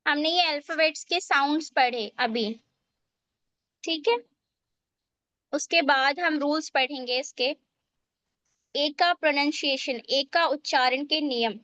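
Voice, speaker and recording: A woman's voice: high-pitched, slow, long pauses, sharp tone, dry recording. A woman teaching an online spoken English class, explaining step by step and often checking that her students follow. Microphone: online video call.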